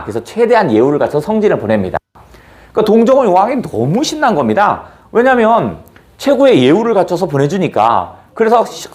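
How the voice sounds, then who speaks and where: A male teacher retelling a classic tale in class, quizzing his students as he goes. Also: fairly high pitch. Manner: animated, quizzes students with questions. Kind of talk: storytelling lesson.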